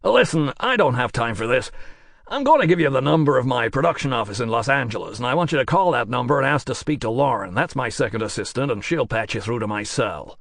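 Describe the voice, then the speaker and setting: A man's voice: mid-range voice, animated, fast talker, vocal fry, a bit bright, no room sound, studio quality. A man voicing a brusque, powerful middle-aged film producer who talks in clipped, commanding phrases in an audiobook. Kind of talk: audiobook character voice.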